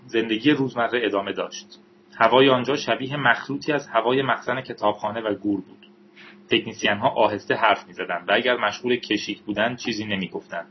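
A man narrating an audiobook in a steady, measured reading. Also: mid-range voice. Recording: dull recording with faint hiss.

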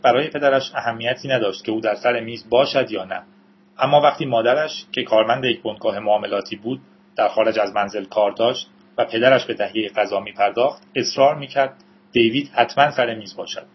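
Male audiobook reader, husky, steady storyteller, dull lo-fi sound. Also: mid-range voice. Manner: steady storytelling with a brief aside to listeners. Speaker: audiobook narrator. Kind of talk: novel read aloud.

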